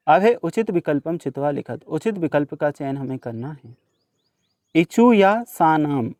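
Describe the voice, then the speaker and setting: A man's voice: a little high, dark tone, no echo, studio quality. A young man teaching a workbook lesson, patiently explaining each answer and speaking directly to students.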